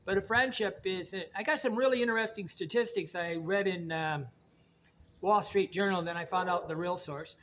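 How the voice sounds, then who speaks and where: Middle-aged guy from indiana rambling on, high-pitched, blunt, bit of faint noise behind. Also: moderate pace, a bit bright. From Indiana, United States. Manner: rambling, repeats himself, folksy and blunt. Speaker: vlogger. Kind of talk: casual monologue to camera.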